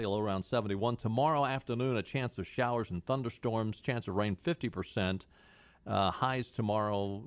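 A man's voice: lowish voice, creaky, no echo. A man hosting a talk radio show, chatting, reading the weather and live ads in a conversational way.

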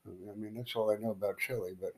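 A man from the United States hosting a live stream, chatting casually with strangers in a rambling, halting way full of fillers. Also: lowish voice, steady tone, a little mellow. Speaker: livestream host.

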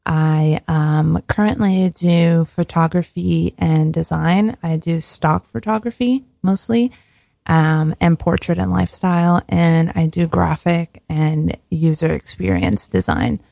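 A soft-spoken woman talking casually and a little hesitantly as a guest in an interview. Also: deep voice, takes it slowly, vocal fry, no echo, clean studio sound. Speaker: podcast guest.

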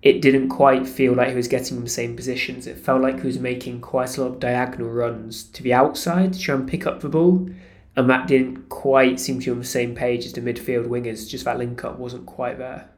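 Male pundit, monotone and measured, roomy echoey sound. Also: medium pitch. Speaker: football pundit. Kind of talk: casual football analysis. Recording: roomy echo.

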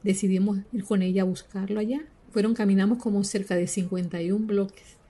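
An older woman giving a personal testimony, speaking haltingly with frequent restarts and repeated words. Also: medium pitch, steady tone, warm tone, husky. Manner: halting, with many restarts and repetitions. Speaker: victim's daughter giving testimony.

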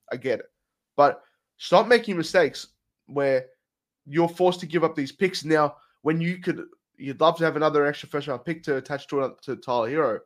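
A man co-hosting a sports podcast, talking bluntly and swearing, with jokey sponsor reads. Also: a little high. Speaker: podcast co-host. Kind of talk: casual sports podcast chat.

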